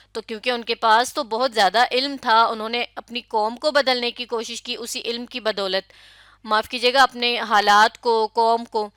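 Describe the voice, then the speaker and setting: A woman's voice: a little high, sharp tone, clean tone, no echo, clean studio sound. A woman with a Pakistani Urdu accent giving a classroom lecture, asking questions, confirming answers and spelling words letter by letter. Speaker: teacher.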